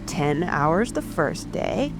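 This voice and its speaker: A woman playing a melancholy, sentimental sea turtle creature in a dramatic audiobook, with a slow, mournful delivery. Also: deep voice, very animated, heavily acted. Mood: wistful. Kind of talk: full-cast dramatic audiobook reading. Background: soft rain ambience and music.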